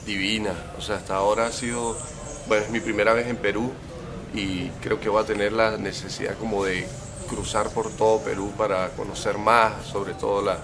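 A young man with a Venezuelan accent, a filmmaker talking about his short film in a relaxed, thoughtful way, recorded outdoors by a building entrance on a close camera mic. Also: fairly low pitch, moderate pace, a crowd in the background. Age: young adult. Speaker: filmmaker guest. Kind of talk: festival interview.

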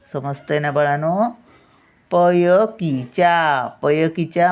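A woman's voice: low voice, creaky, darkish tone. An older woman giving a spelling lesson to children, patiently sounding words out syllable by syllable. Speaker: teacher.

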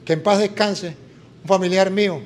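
Latin american priest preaching, high voice, acts out all the voices in his story, faint room noise. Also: normal speed. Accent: Latin American Spanish. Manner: animated, acts out dialogue in story. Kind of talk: sermon with storytelling.

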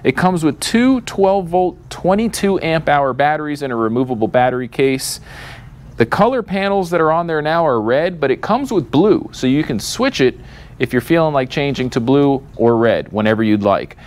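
In a showroom full of scooters, a store host in his thirties walks through product specs with an upbeat sales pitch. His slightly high voice has lively intonation and a moderate pace.

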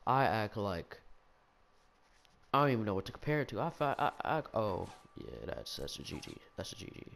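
A young man telling a childhood story in a rambling, animated, self-mocking way, with lots of restarts. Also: on the low side, normal speed, gravelly. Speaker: gaming video storyteller.

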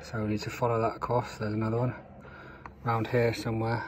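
A man's voice: medium pitch, completely flat delivery, quick pace, poor audio. A man, talking casually on a phone camera outdoors while he works on a car engine and thinks aloud. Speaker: mechanic vlogger. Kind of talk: casual work vlog. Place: outdoors beside a car with the bonnet open. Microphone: phone camera held close. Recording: outdoor ambience noise behind the voice.

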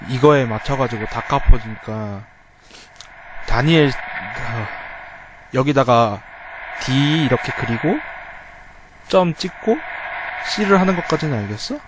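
A man streaming a game live, muttering to himself as he works through a puzzle, with loud game music behind him. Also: medium pitch, expressive, takes it slowly, long pauses, background noise.

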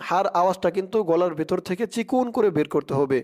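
A man with a Bangladeshi Bengali accent giving a religious lesson, spelling out Arabic letter by letter and chanting verses slowly. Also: high-pitched, animated, darkish tone. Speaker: Quran recitation teacher.

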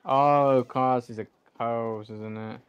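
Speaking slowly with fairly even intonation, a young man, a non-native English speaker, streams gameplay and offers loose let's-play commentary. His medium-pitched voice is smooth as he rambles, self-corrects and curses at the game. The audio sounds dull.

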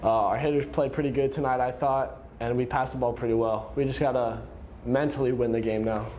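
A young volleyball player answering post-game questions in a casual, relaxed way, full of "like" and "I don't know". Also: male voice, medium pitch, fairly quick, highs cut off, a little hiss or hum. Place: press conference room.

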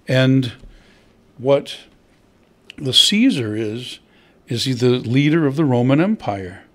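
Speaking slowly into the stand mic on his wooden pulpit, this older pastor delivers a sermon in a church hall with an animated, slightly bright, medium-pitched voice. His tone is conversational, and he asks the congregation questions as he goes.

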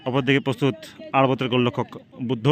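Male football commentator, mid-pitched, live outdoor match call with crowd behind. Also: level tone, quick pace. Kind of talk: live sports commentary of a penalty shootout. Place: outdoors at a local football ground. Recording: outdoor recording with crowd noise.

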